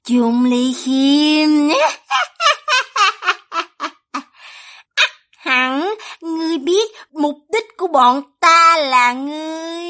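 A woman's voice: high-pitched, fairly bright tone, pitched above the performer's own voice. A woman voicing a cruel, scheming young demonic sorceress with a haughty, mocking manner in a fantasy audiobook.

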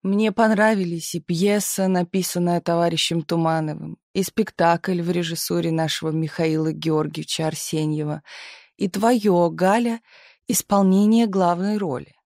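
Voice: medium pitch, steady tone, normal speed, creaky, darkish tone, no room sound, studio quality, natural voice. A reader voicing a tipsy young woman activist who earnestly and plaintively begs for a leading role. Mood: pleading. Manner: insistent, plaintive.

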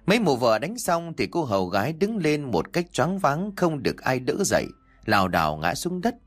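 A man reading a dark folk tale aloud in a dramatic, expressive audiobook style. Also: medium pitch, normal speed. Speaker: storyteller. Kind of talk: scripted audiobook narration. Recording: soft background music.

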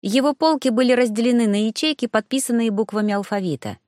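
A woman narrating a first-person fantasy audiobook in a measured, expressive reading. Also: fairly high pitch, no room sound, clean studio sound. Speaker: audiobook reader.

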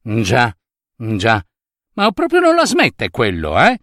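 A man's voice: medium pitch, wildly swooping pitch, slow pace, a bit bright, no room sound, studio quality, exaggerated voice. A man voicing a brave young girl, spirited and rallying, in a storybook. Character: brave young girl, eager monster hunter.

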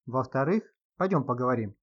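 A middle-aged businessman speaks calmly and patronizingly, his threats delivered in a quiet, menacing drawl, as a male audiobook narrator voices him. The audio sounds dull and lo-fi. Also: mid-range voice, fairly quick, natural voice. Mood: cold.

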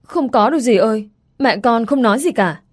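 A woman's voice: fairly high pitch, lively intonation, brisk, darkish tone, voice pushed up. Woman doing a tearful little girl. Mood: pleading. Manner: pleading, tearful. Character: crying eight-year-old girl.

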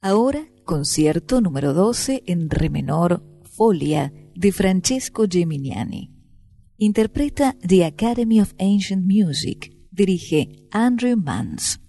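A woman's voice: fairly low pitch, very animated, slow, creaky, mellow. A woman presenting classical music on the radio, reading scripted announcements.

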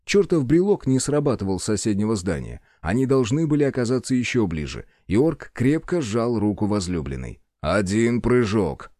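A man narrating an action story in a measured, dramatic reading. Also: mid-range voice, very animated, dark tone, no echo, studio quality. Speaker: audiobook narrator. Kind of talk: scripted narration.

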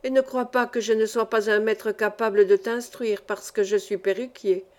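A woman reader voicing a chatty grown man, a small-town barber who teaches music, talking in a lively, boastful way. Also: medium pitch, natural voice. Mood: enthusiastic. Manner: lively, boastful, quick to praise.

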